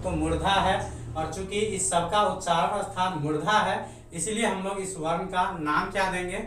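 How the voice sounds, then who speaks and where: High-voiced male teacher in an echoey room. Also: fairly bright tone. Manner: explains step by step, asks and answers own questions. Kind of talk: grammar lecture. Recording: very echoey room, mic far off.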